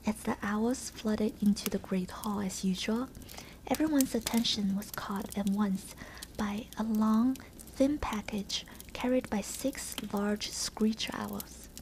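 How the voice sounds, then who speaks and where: A woman reads a storybook aloud in a soft, unvoiced ASMR whisper. Her tone is mellow and dark. A faint hiss sits behind her voice. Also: mid-range voice, takes it slowly, poor audio.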